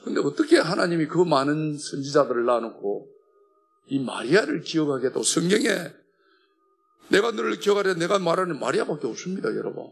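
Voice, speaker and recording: A man with a Gyeongsang accent, a church elder giving an emotional testimony in a worship hall, passionate and swinging from loud to hushed. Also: on the high side, very animated, brisk, creaky, slightly rough. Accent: Gyeongsang Korean.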